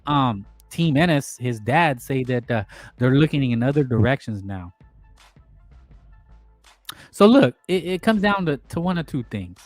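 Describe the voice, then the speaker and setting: A man in a mid-range voice holds forth in a loose, rambling monologue. He keeps stressing his points and falls back on "you know what I'm saying." The mic is close and dry, with faint music playing quietly underneath. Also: mid-range voice, dry recording. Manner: rambling, emphatic, repeats himself with fillers. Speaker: boxing talk show host. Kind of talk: casual opinion monologue.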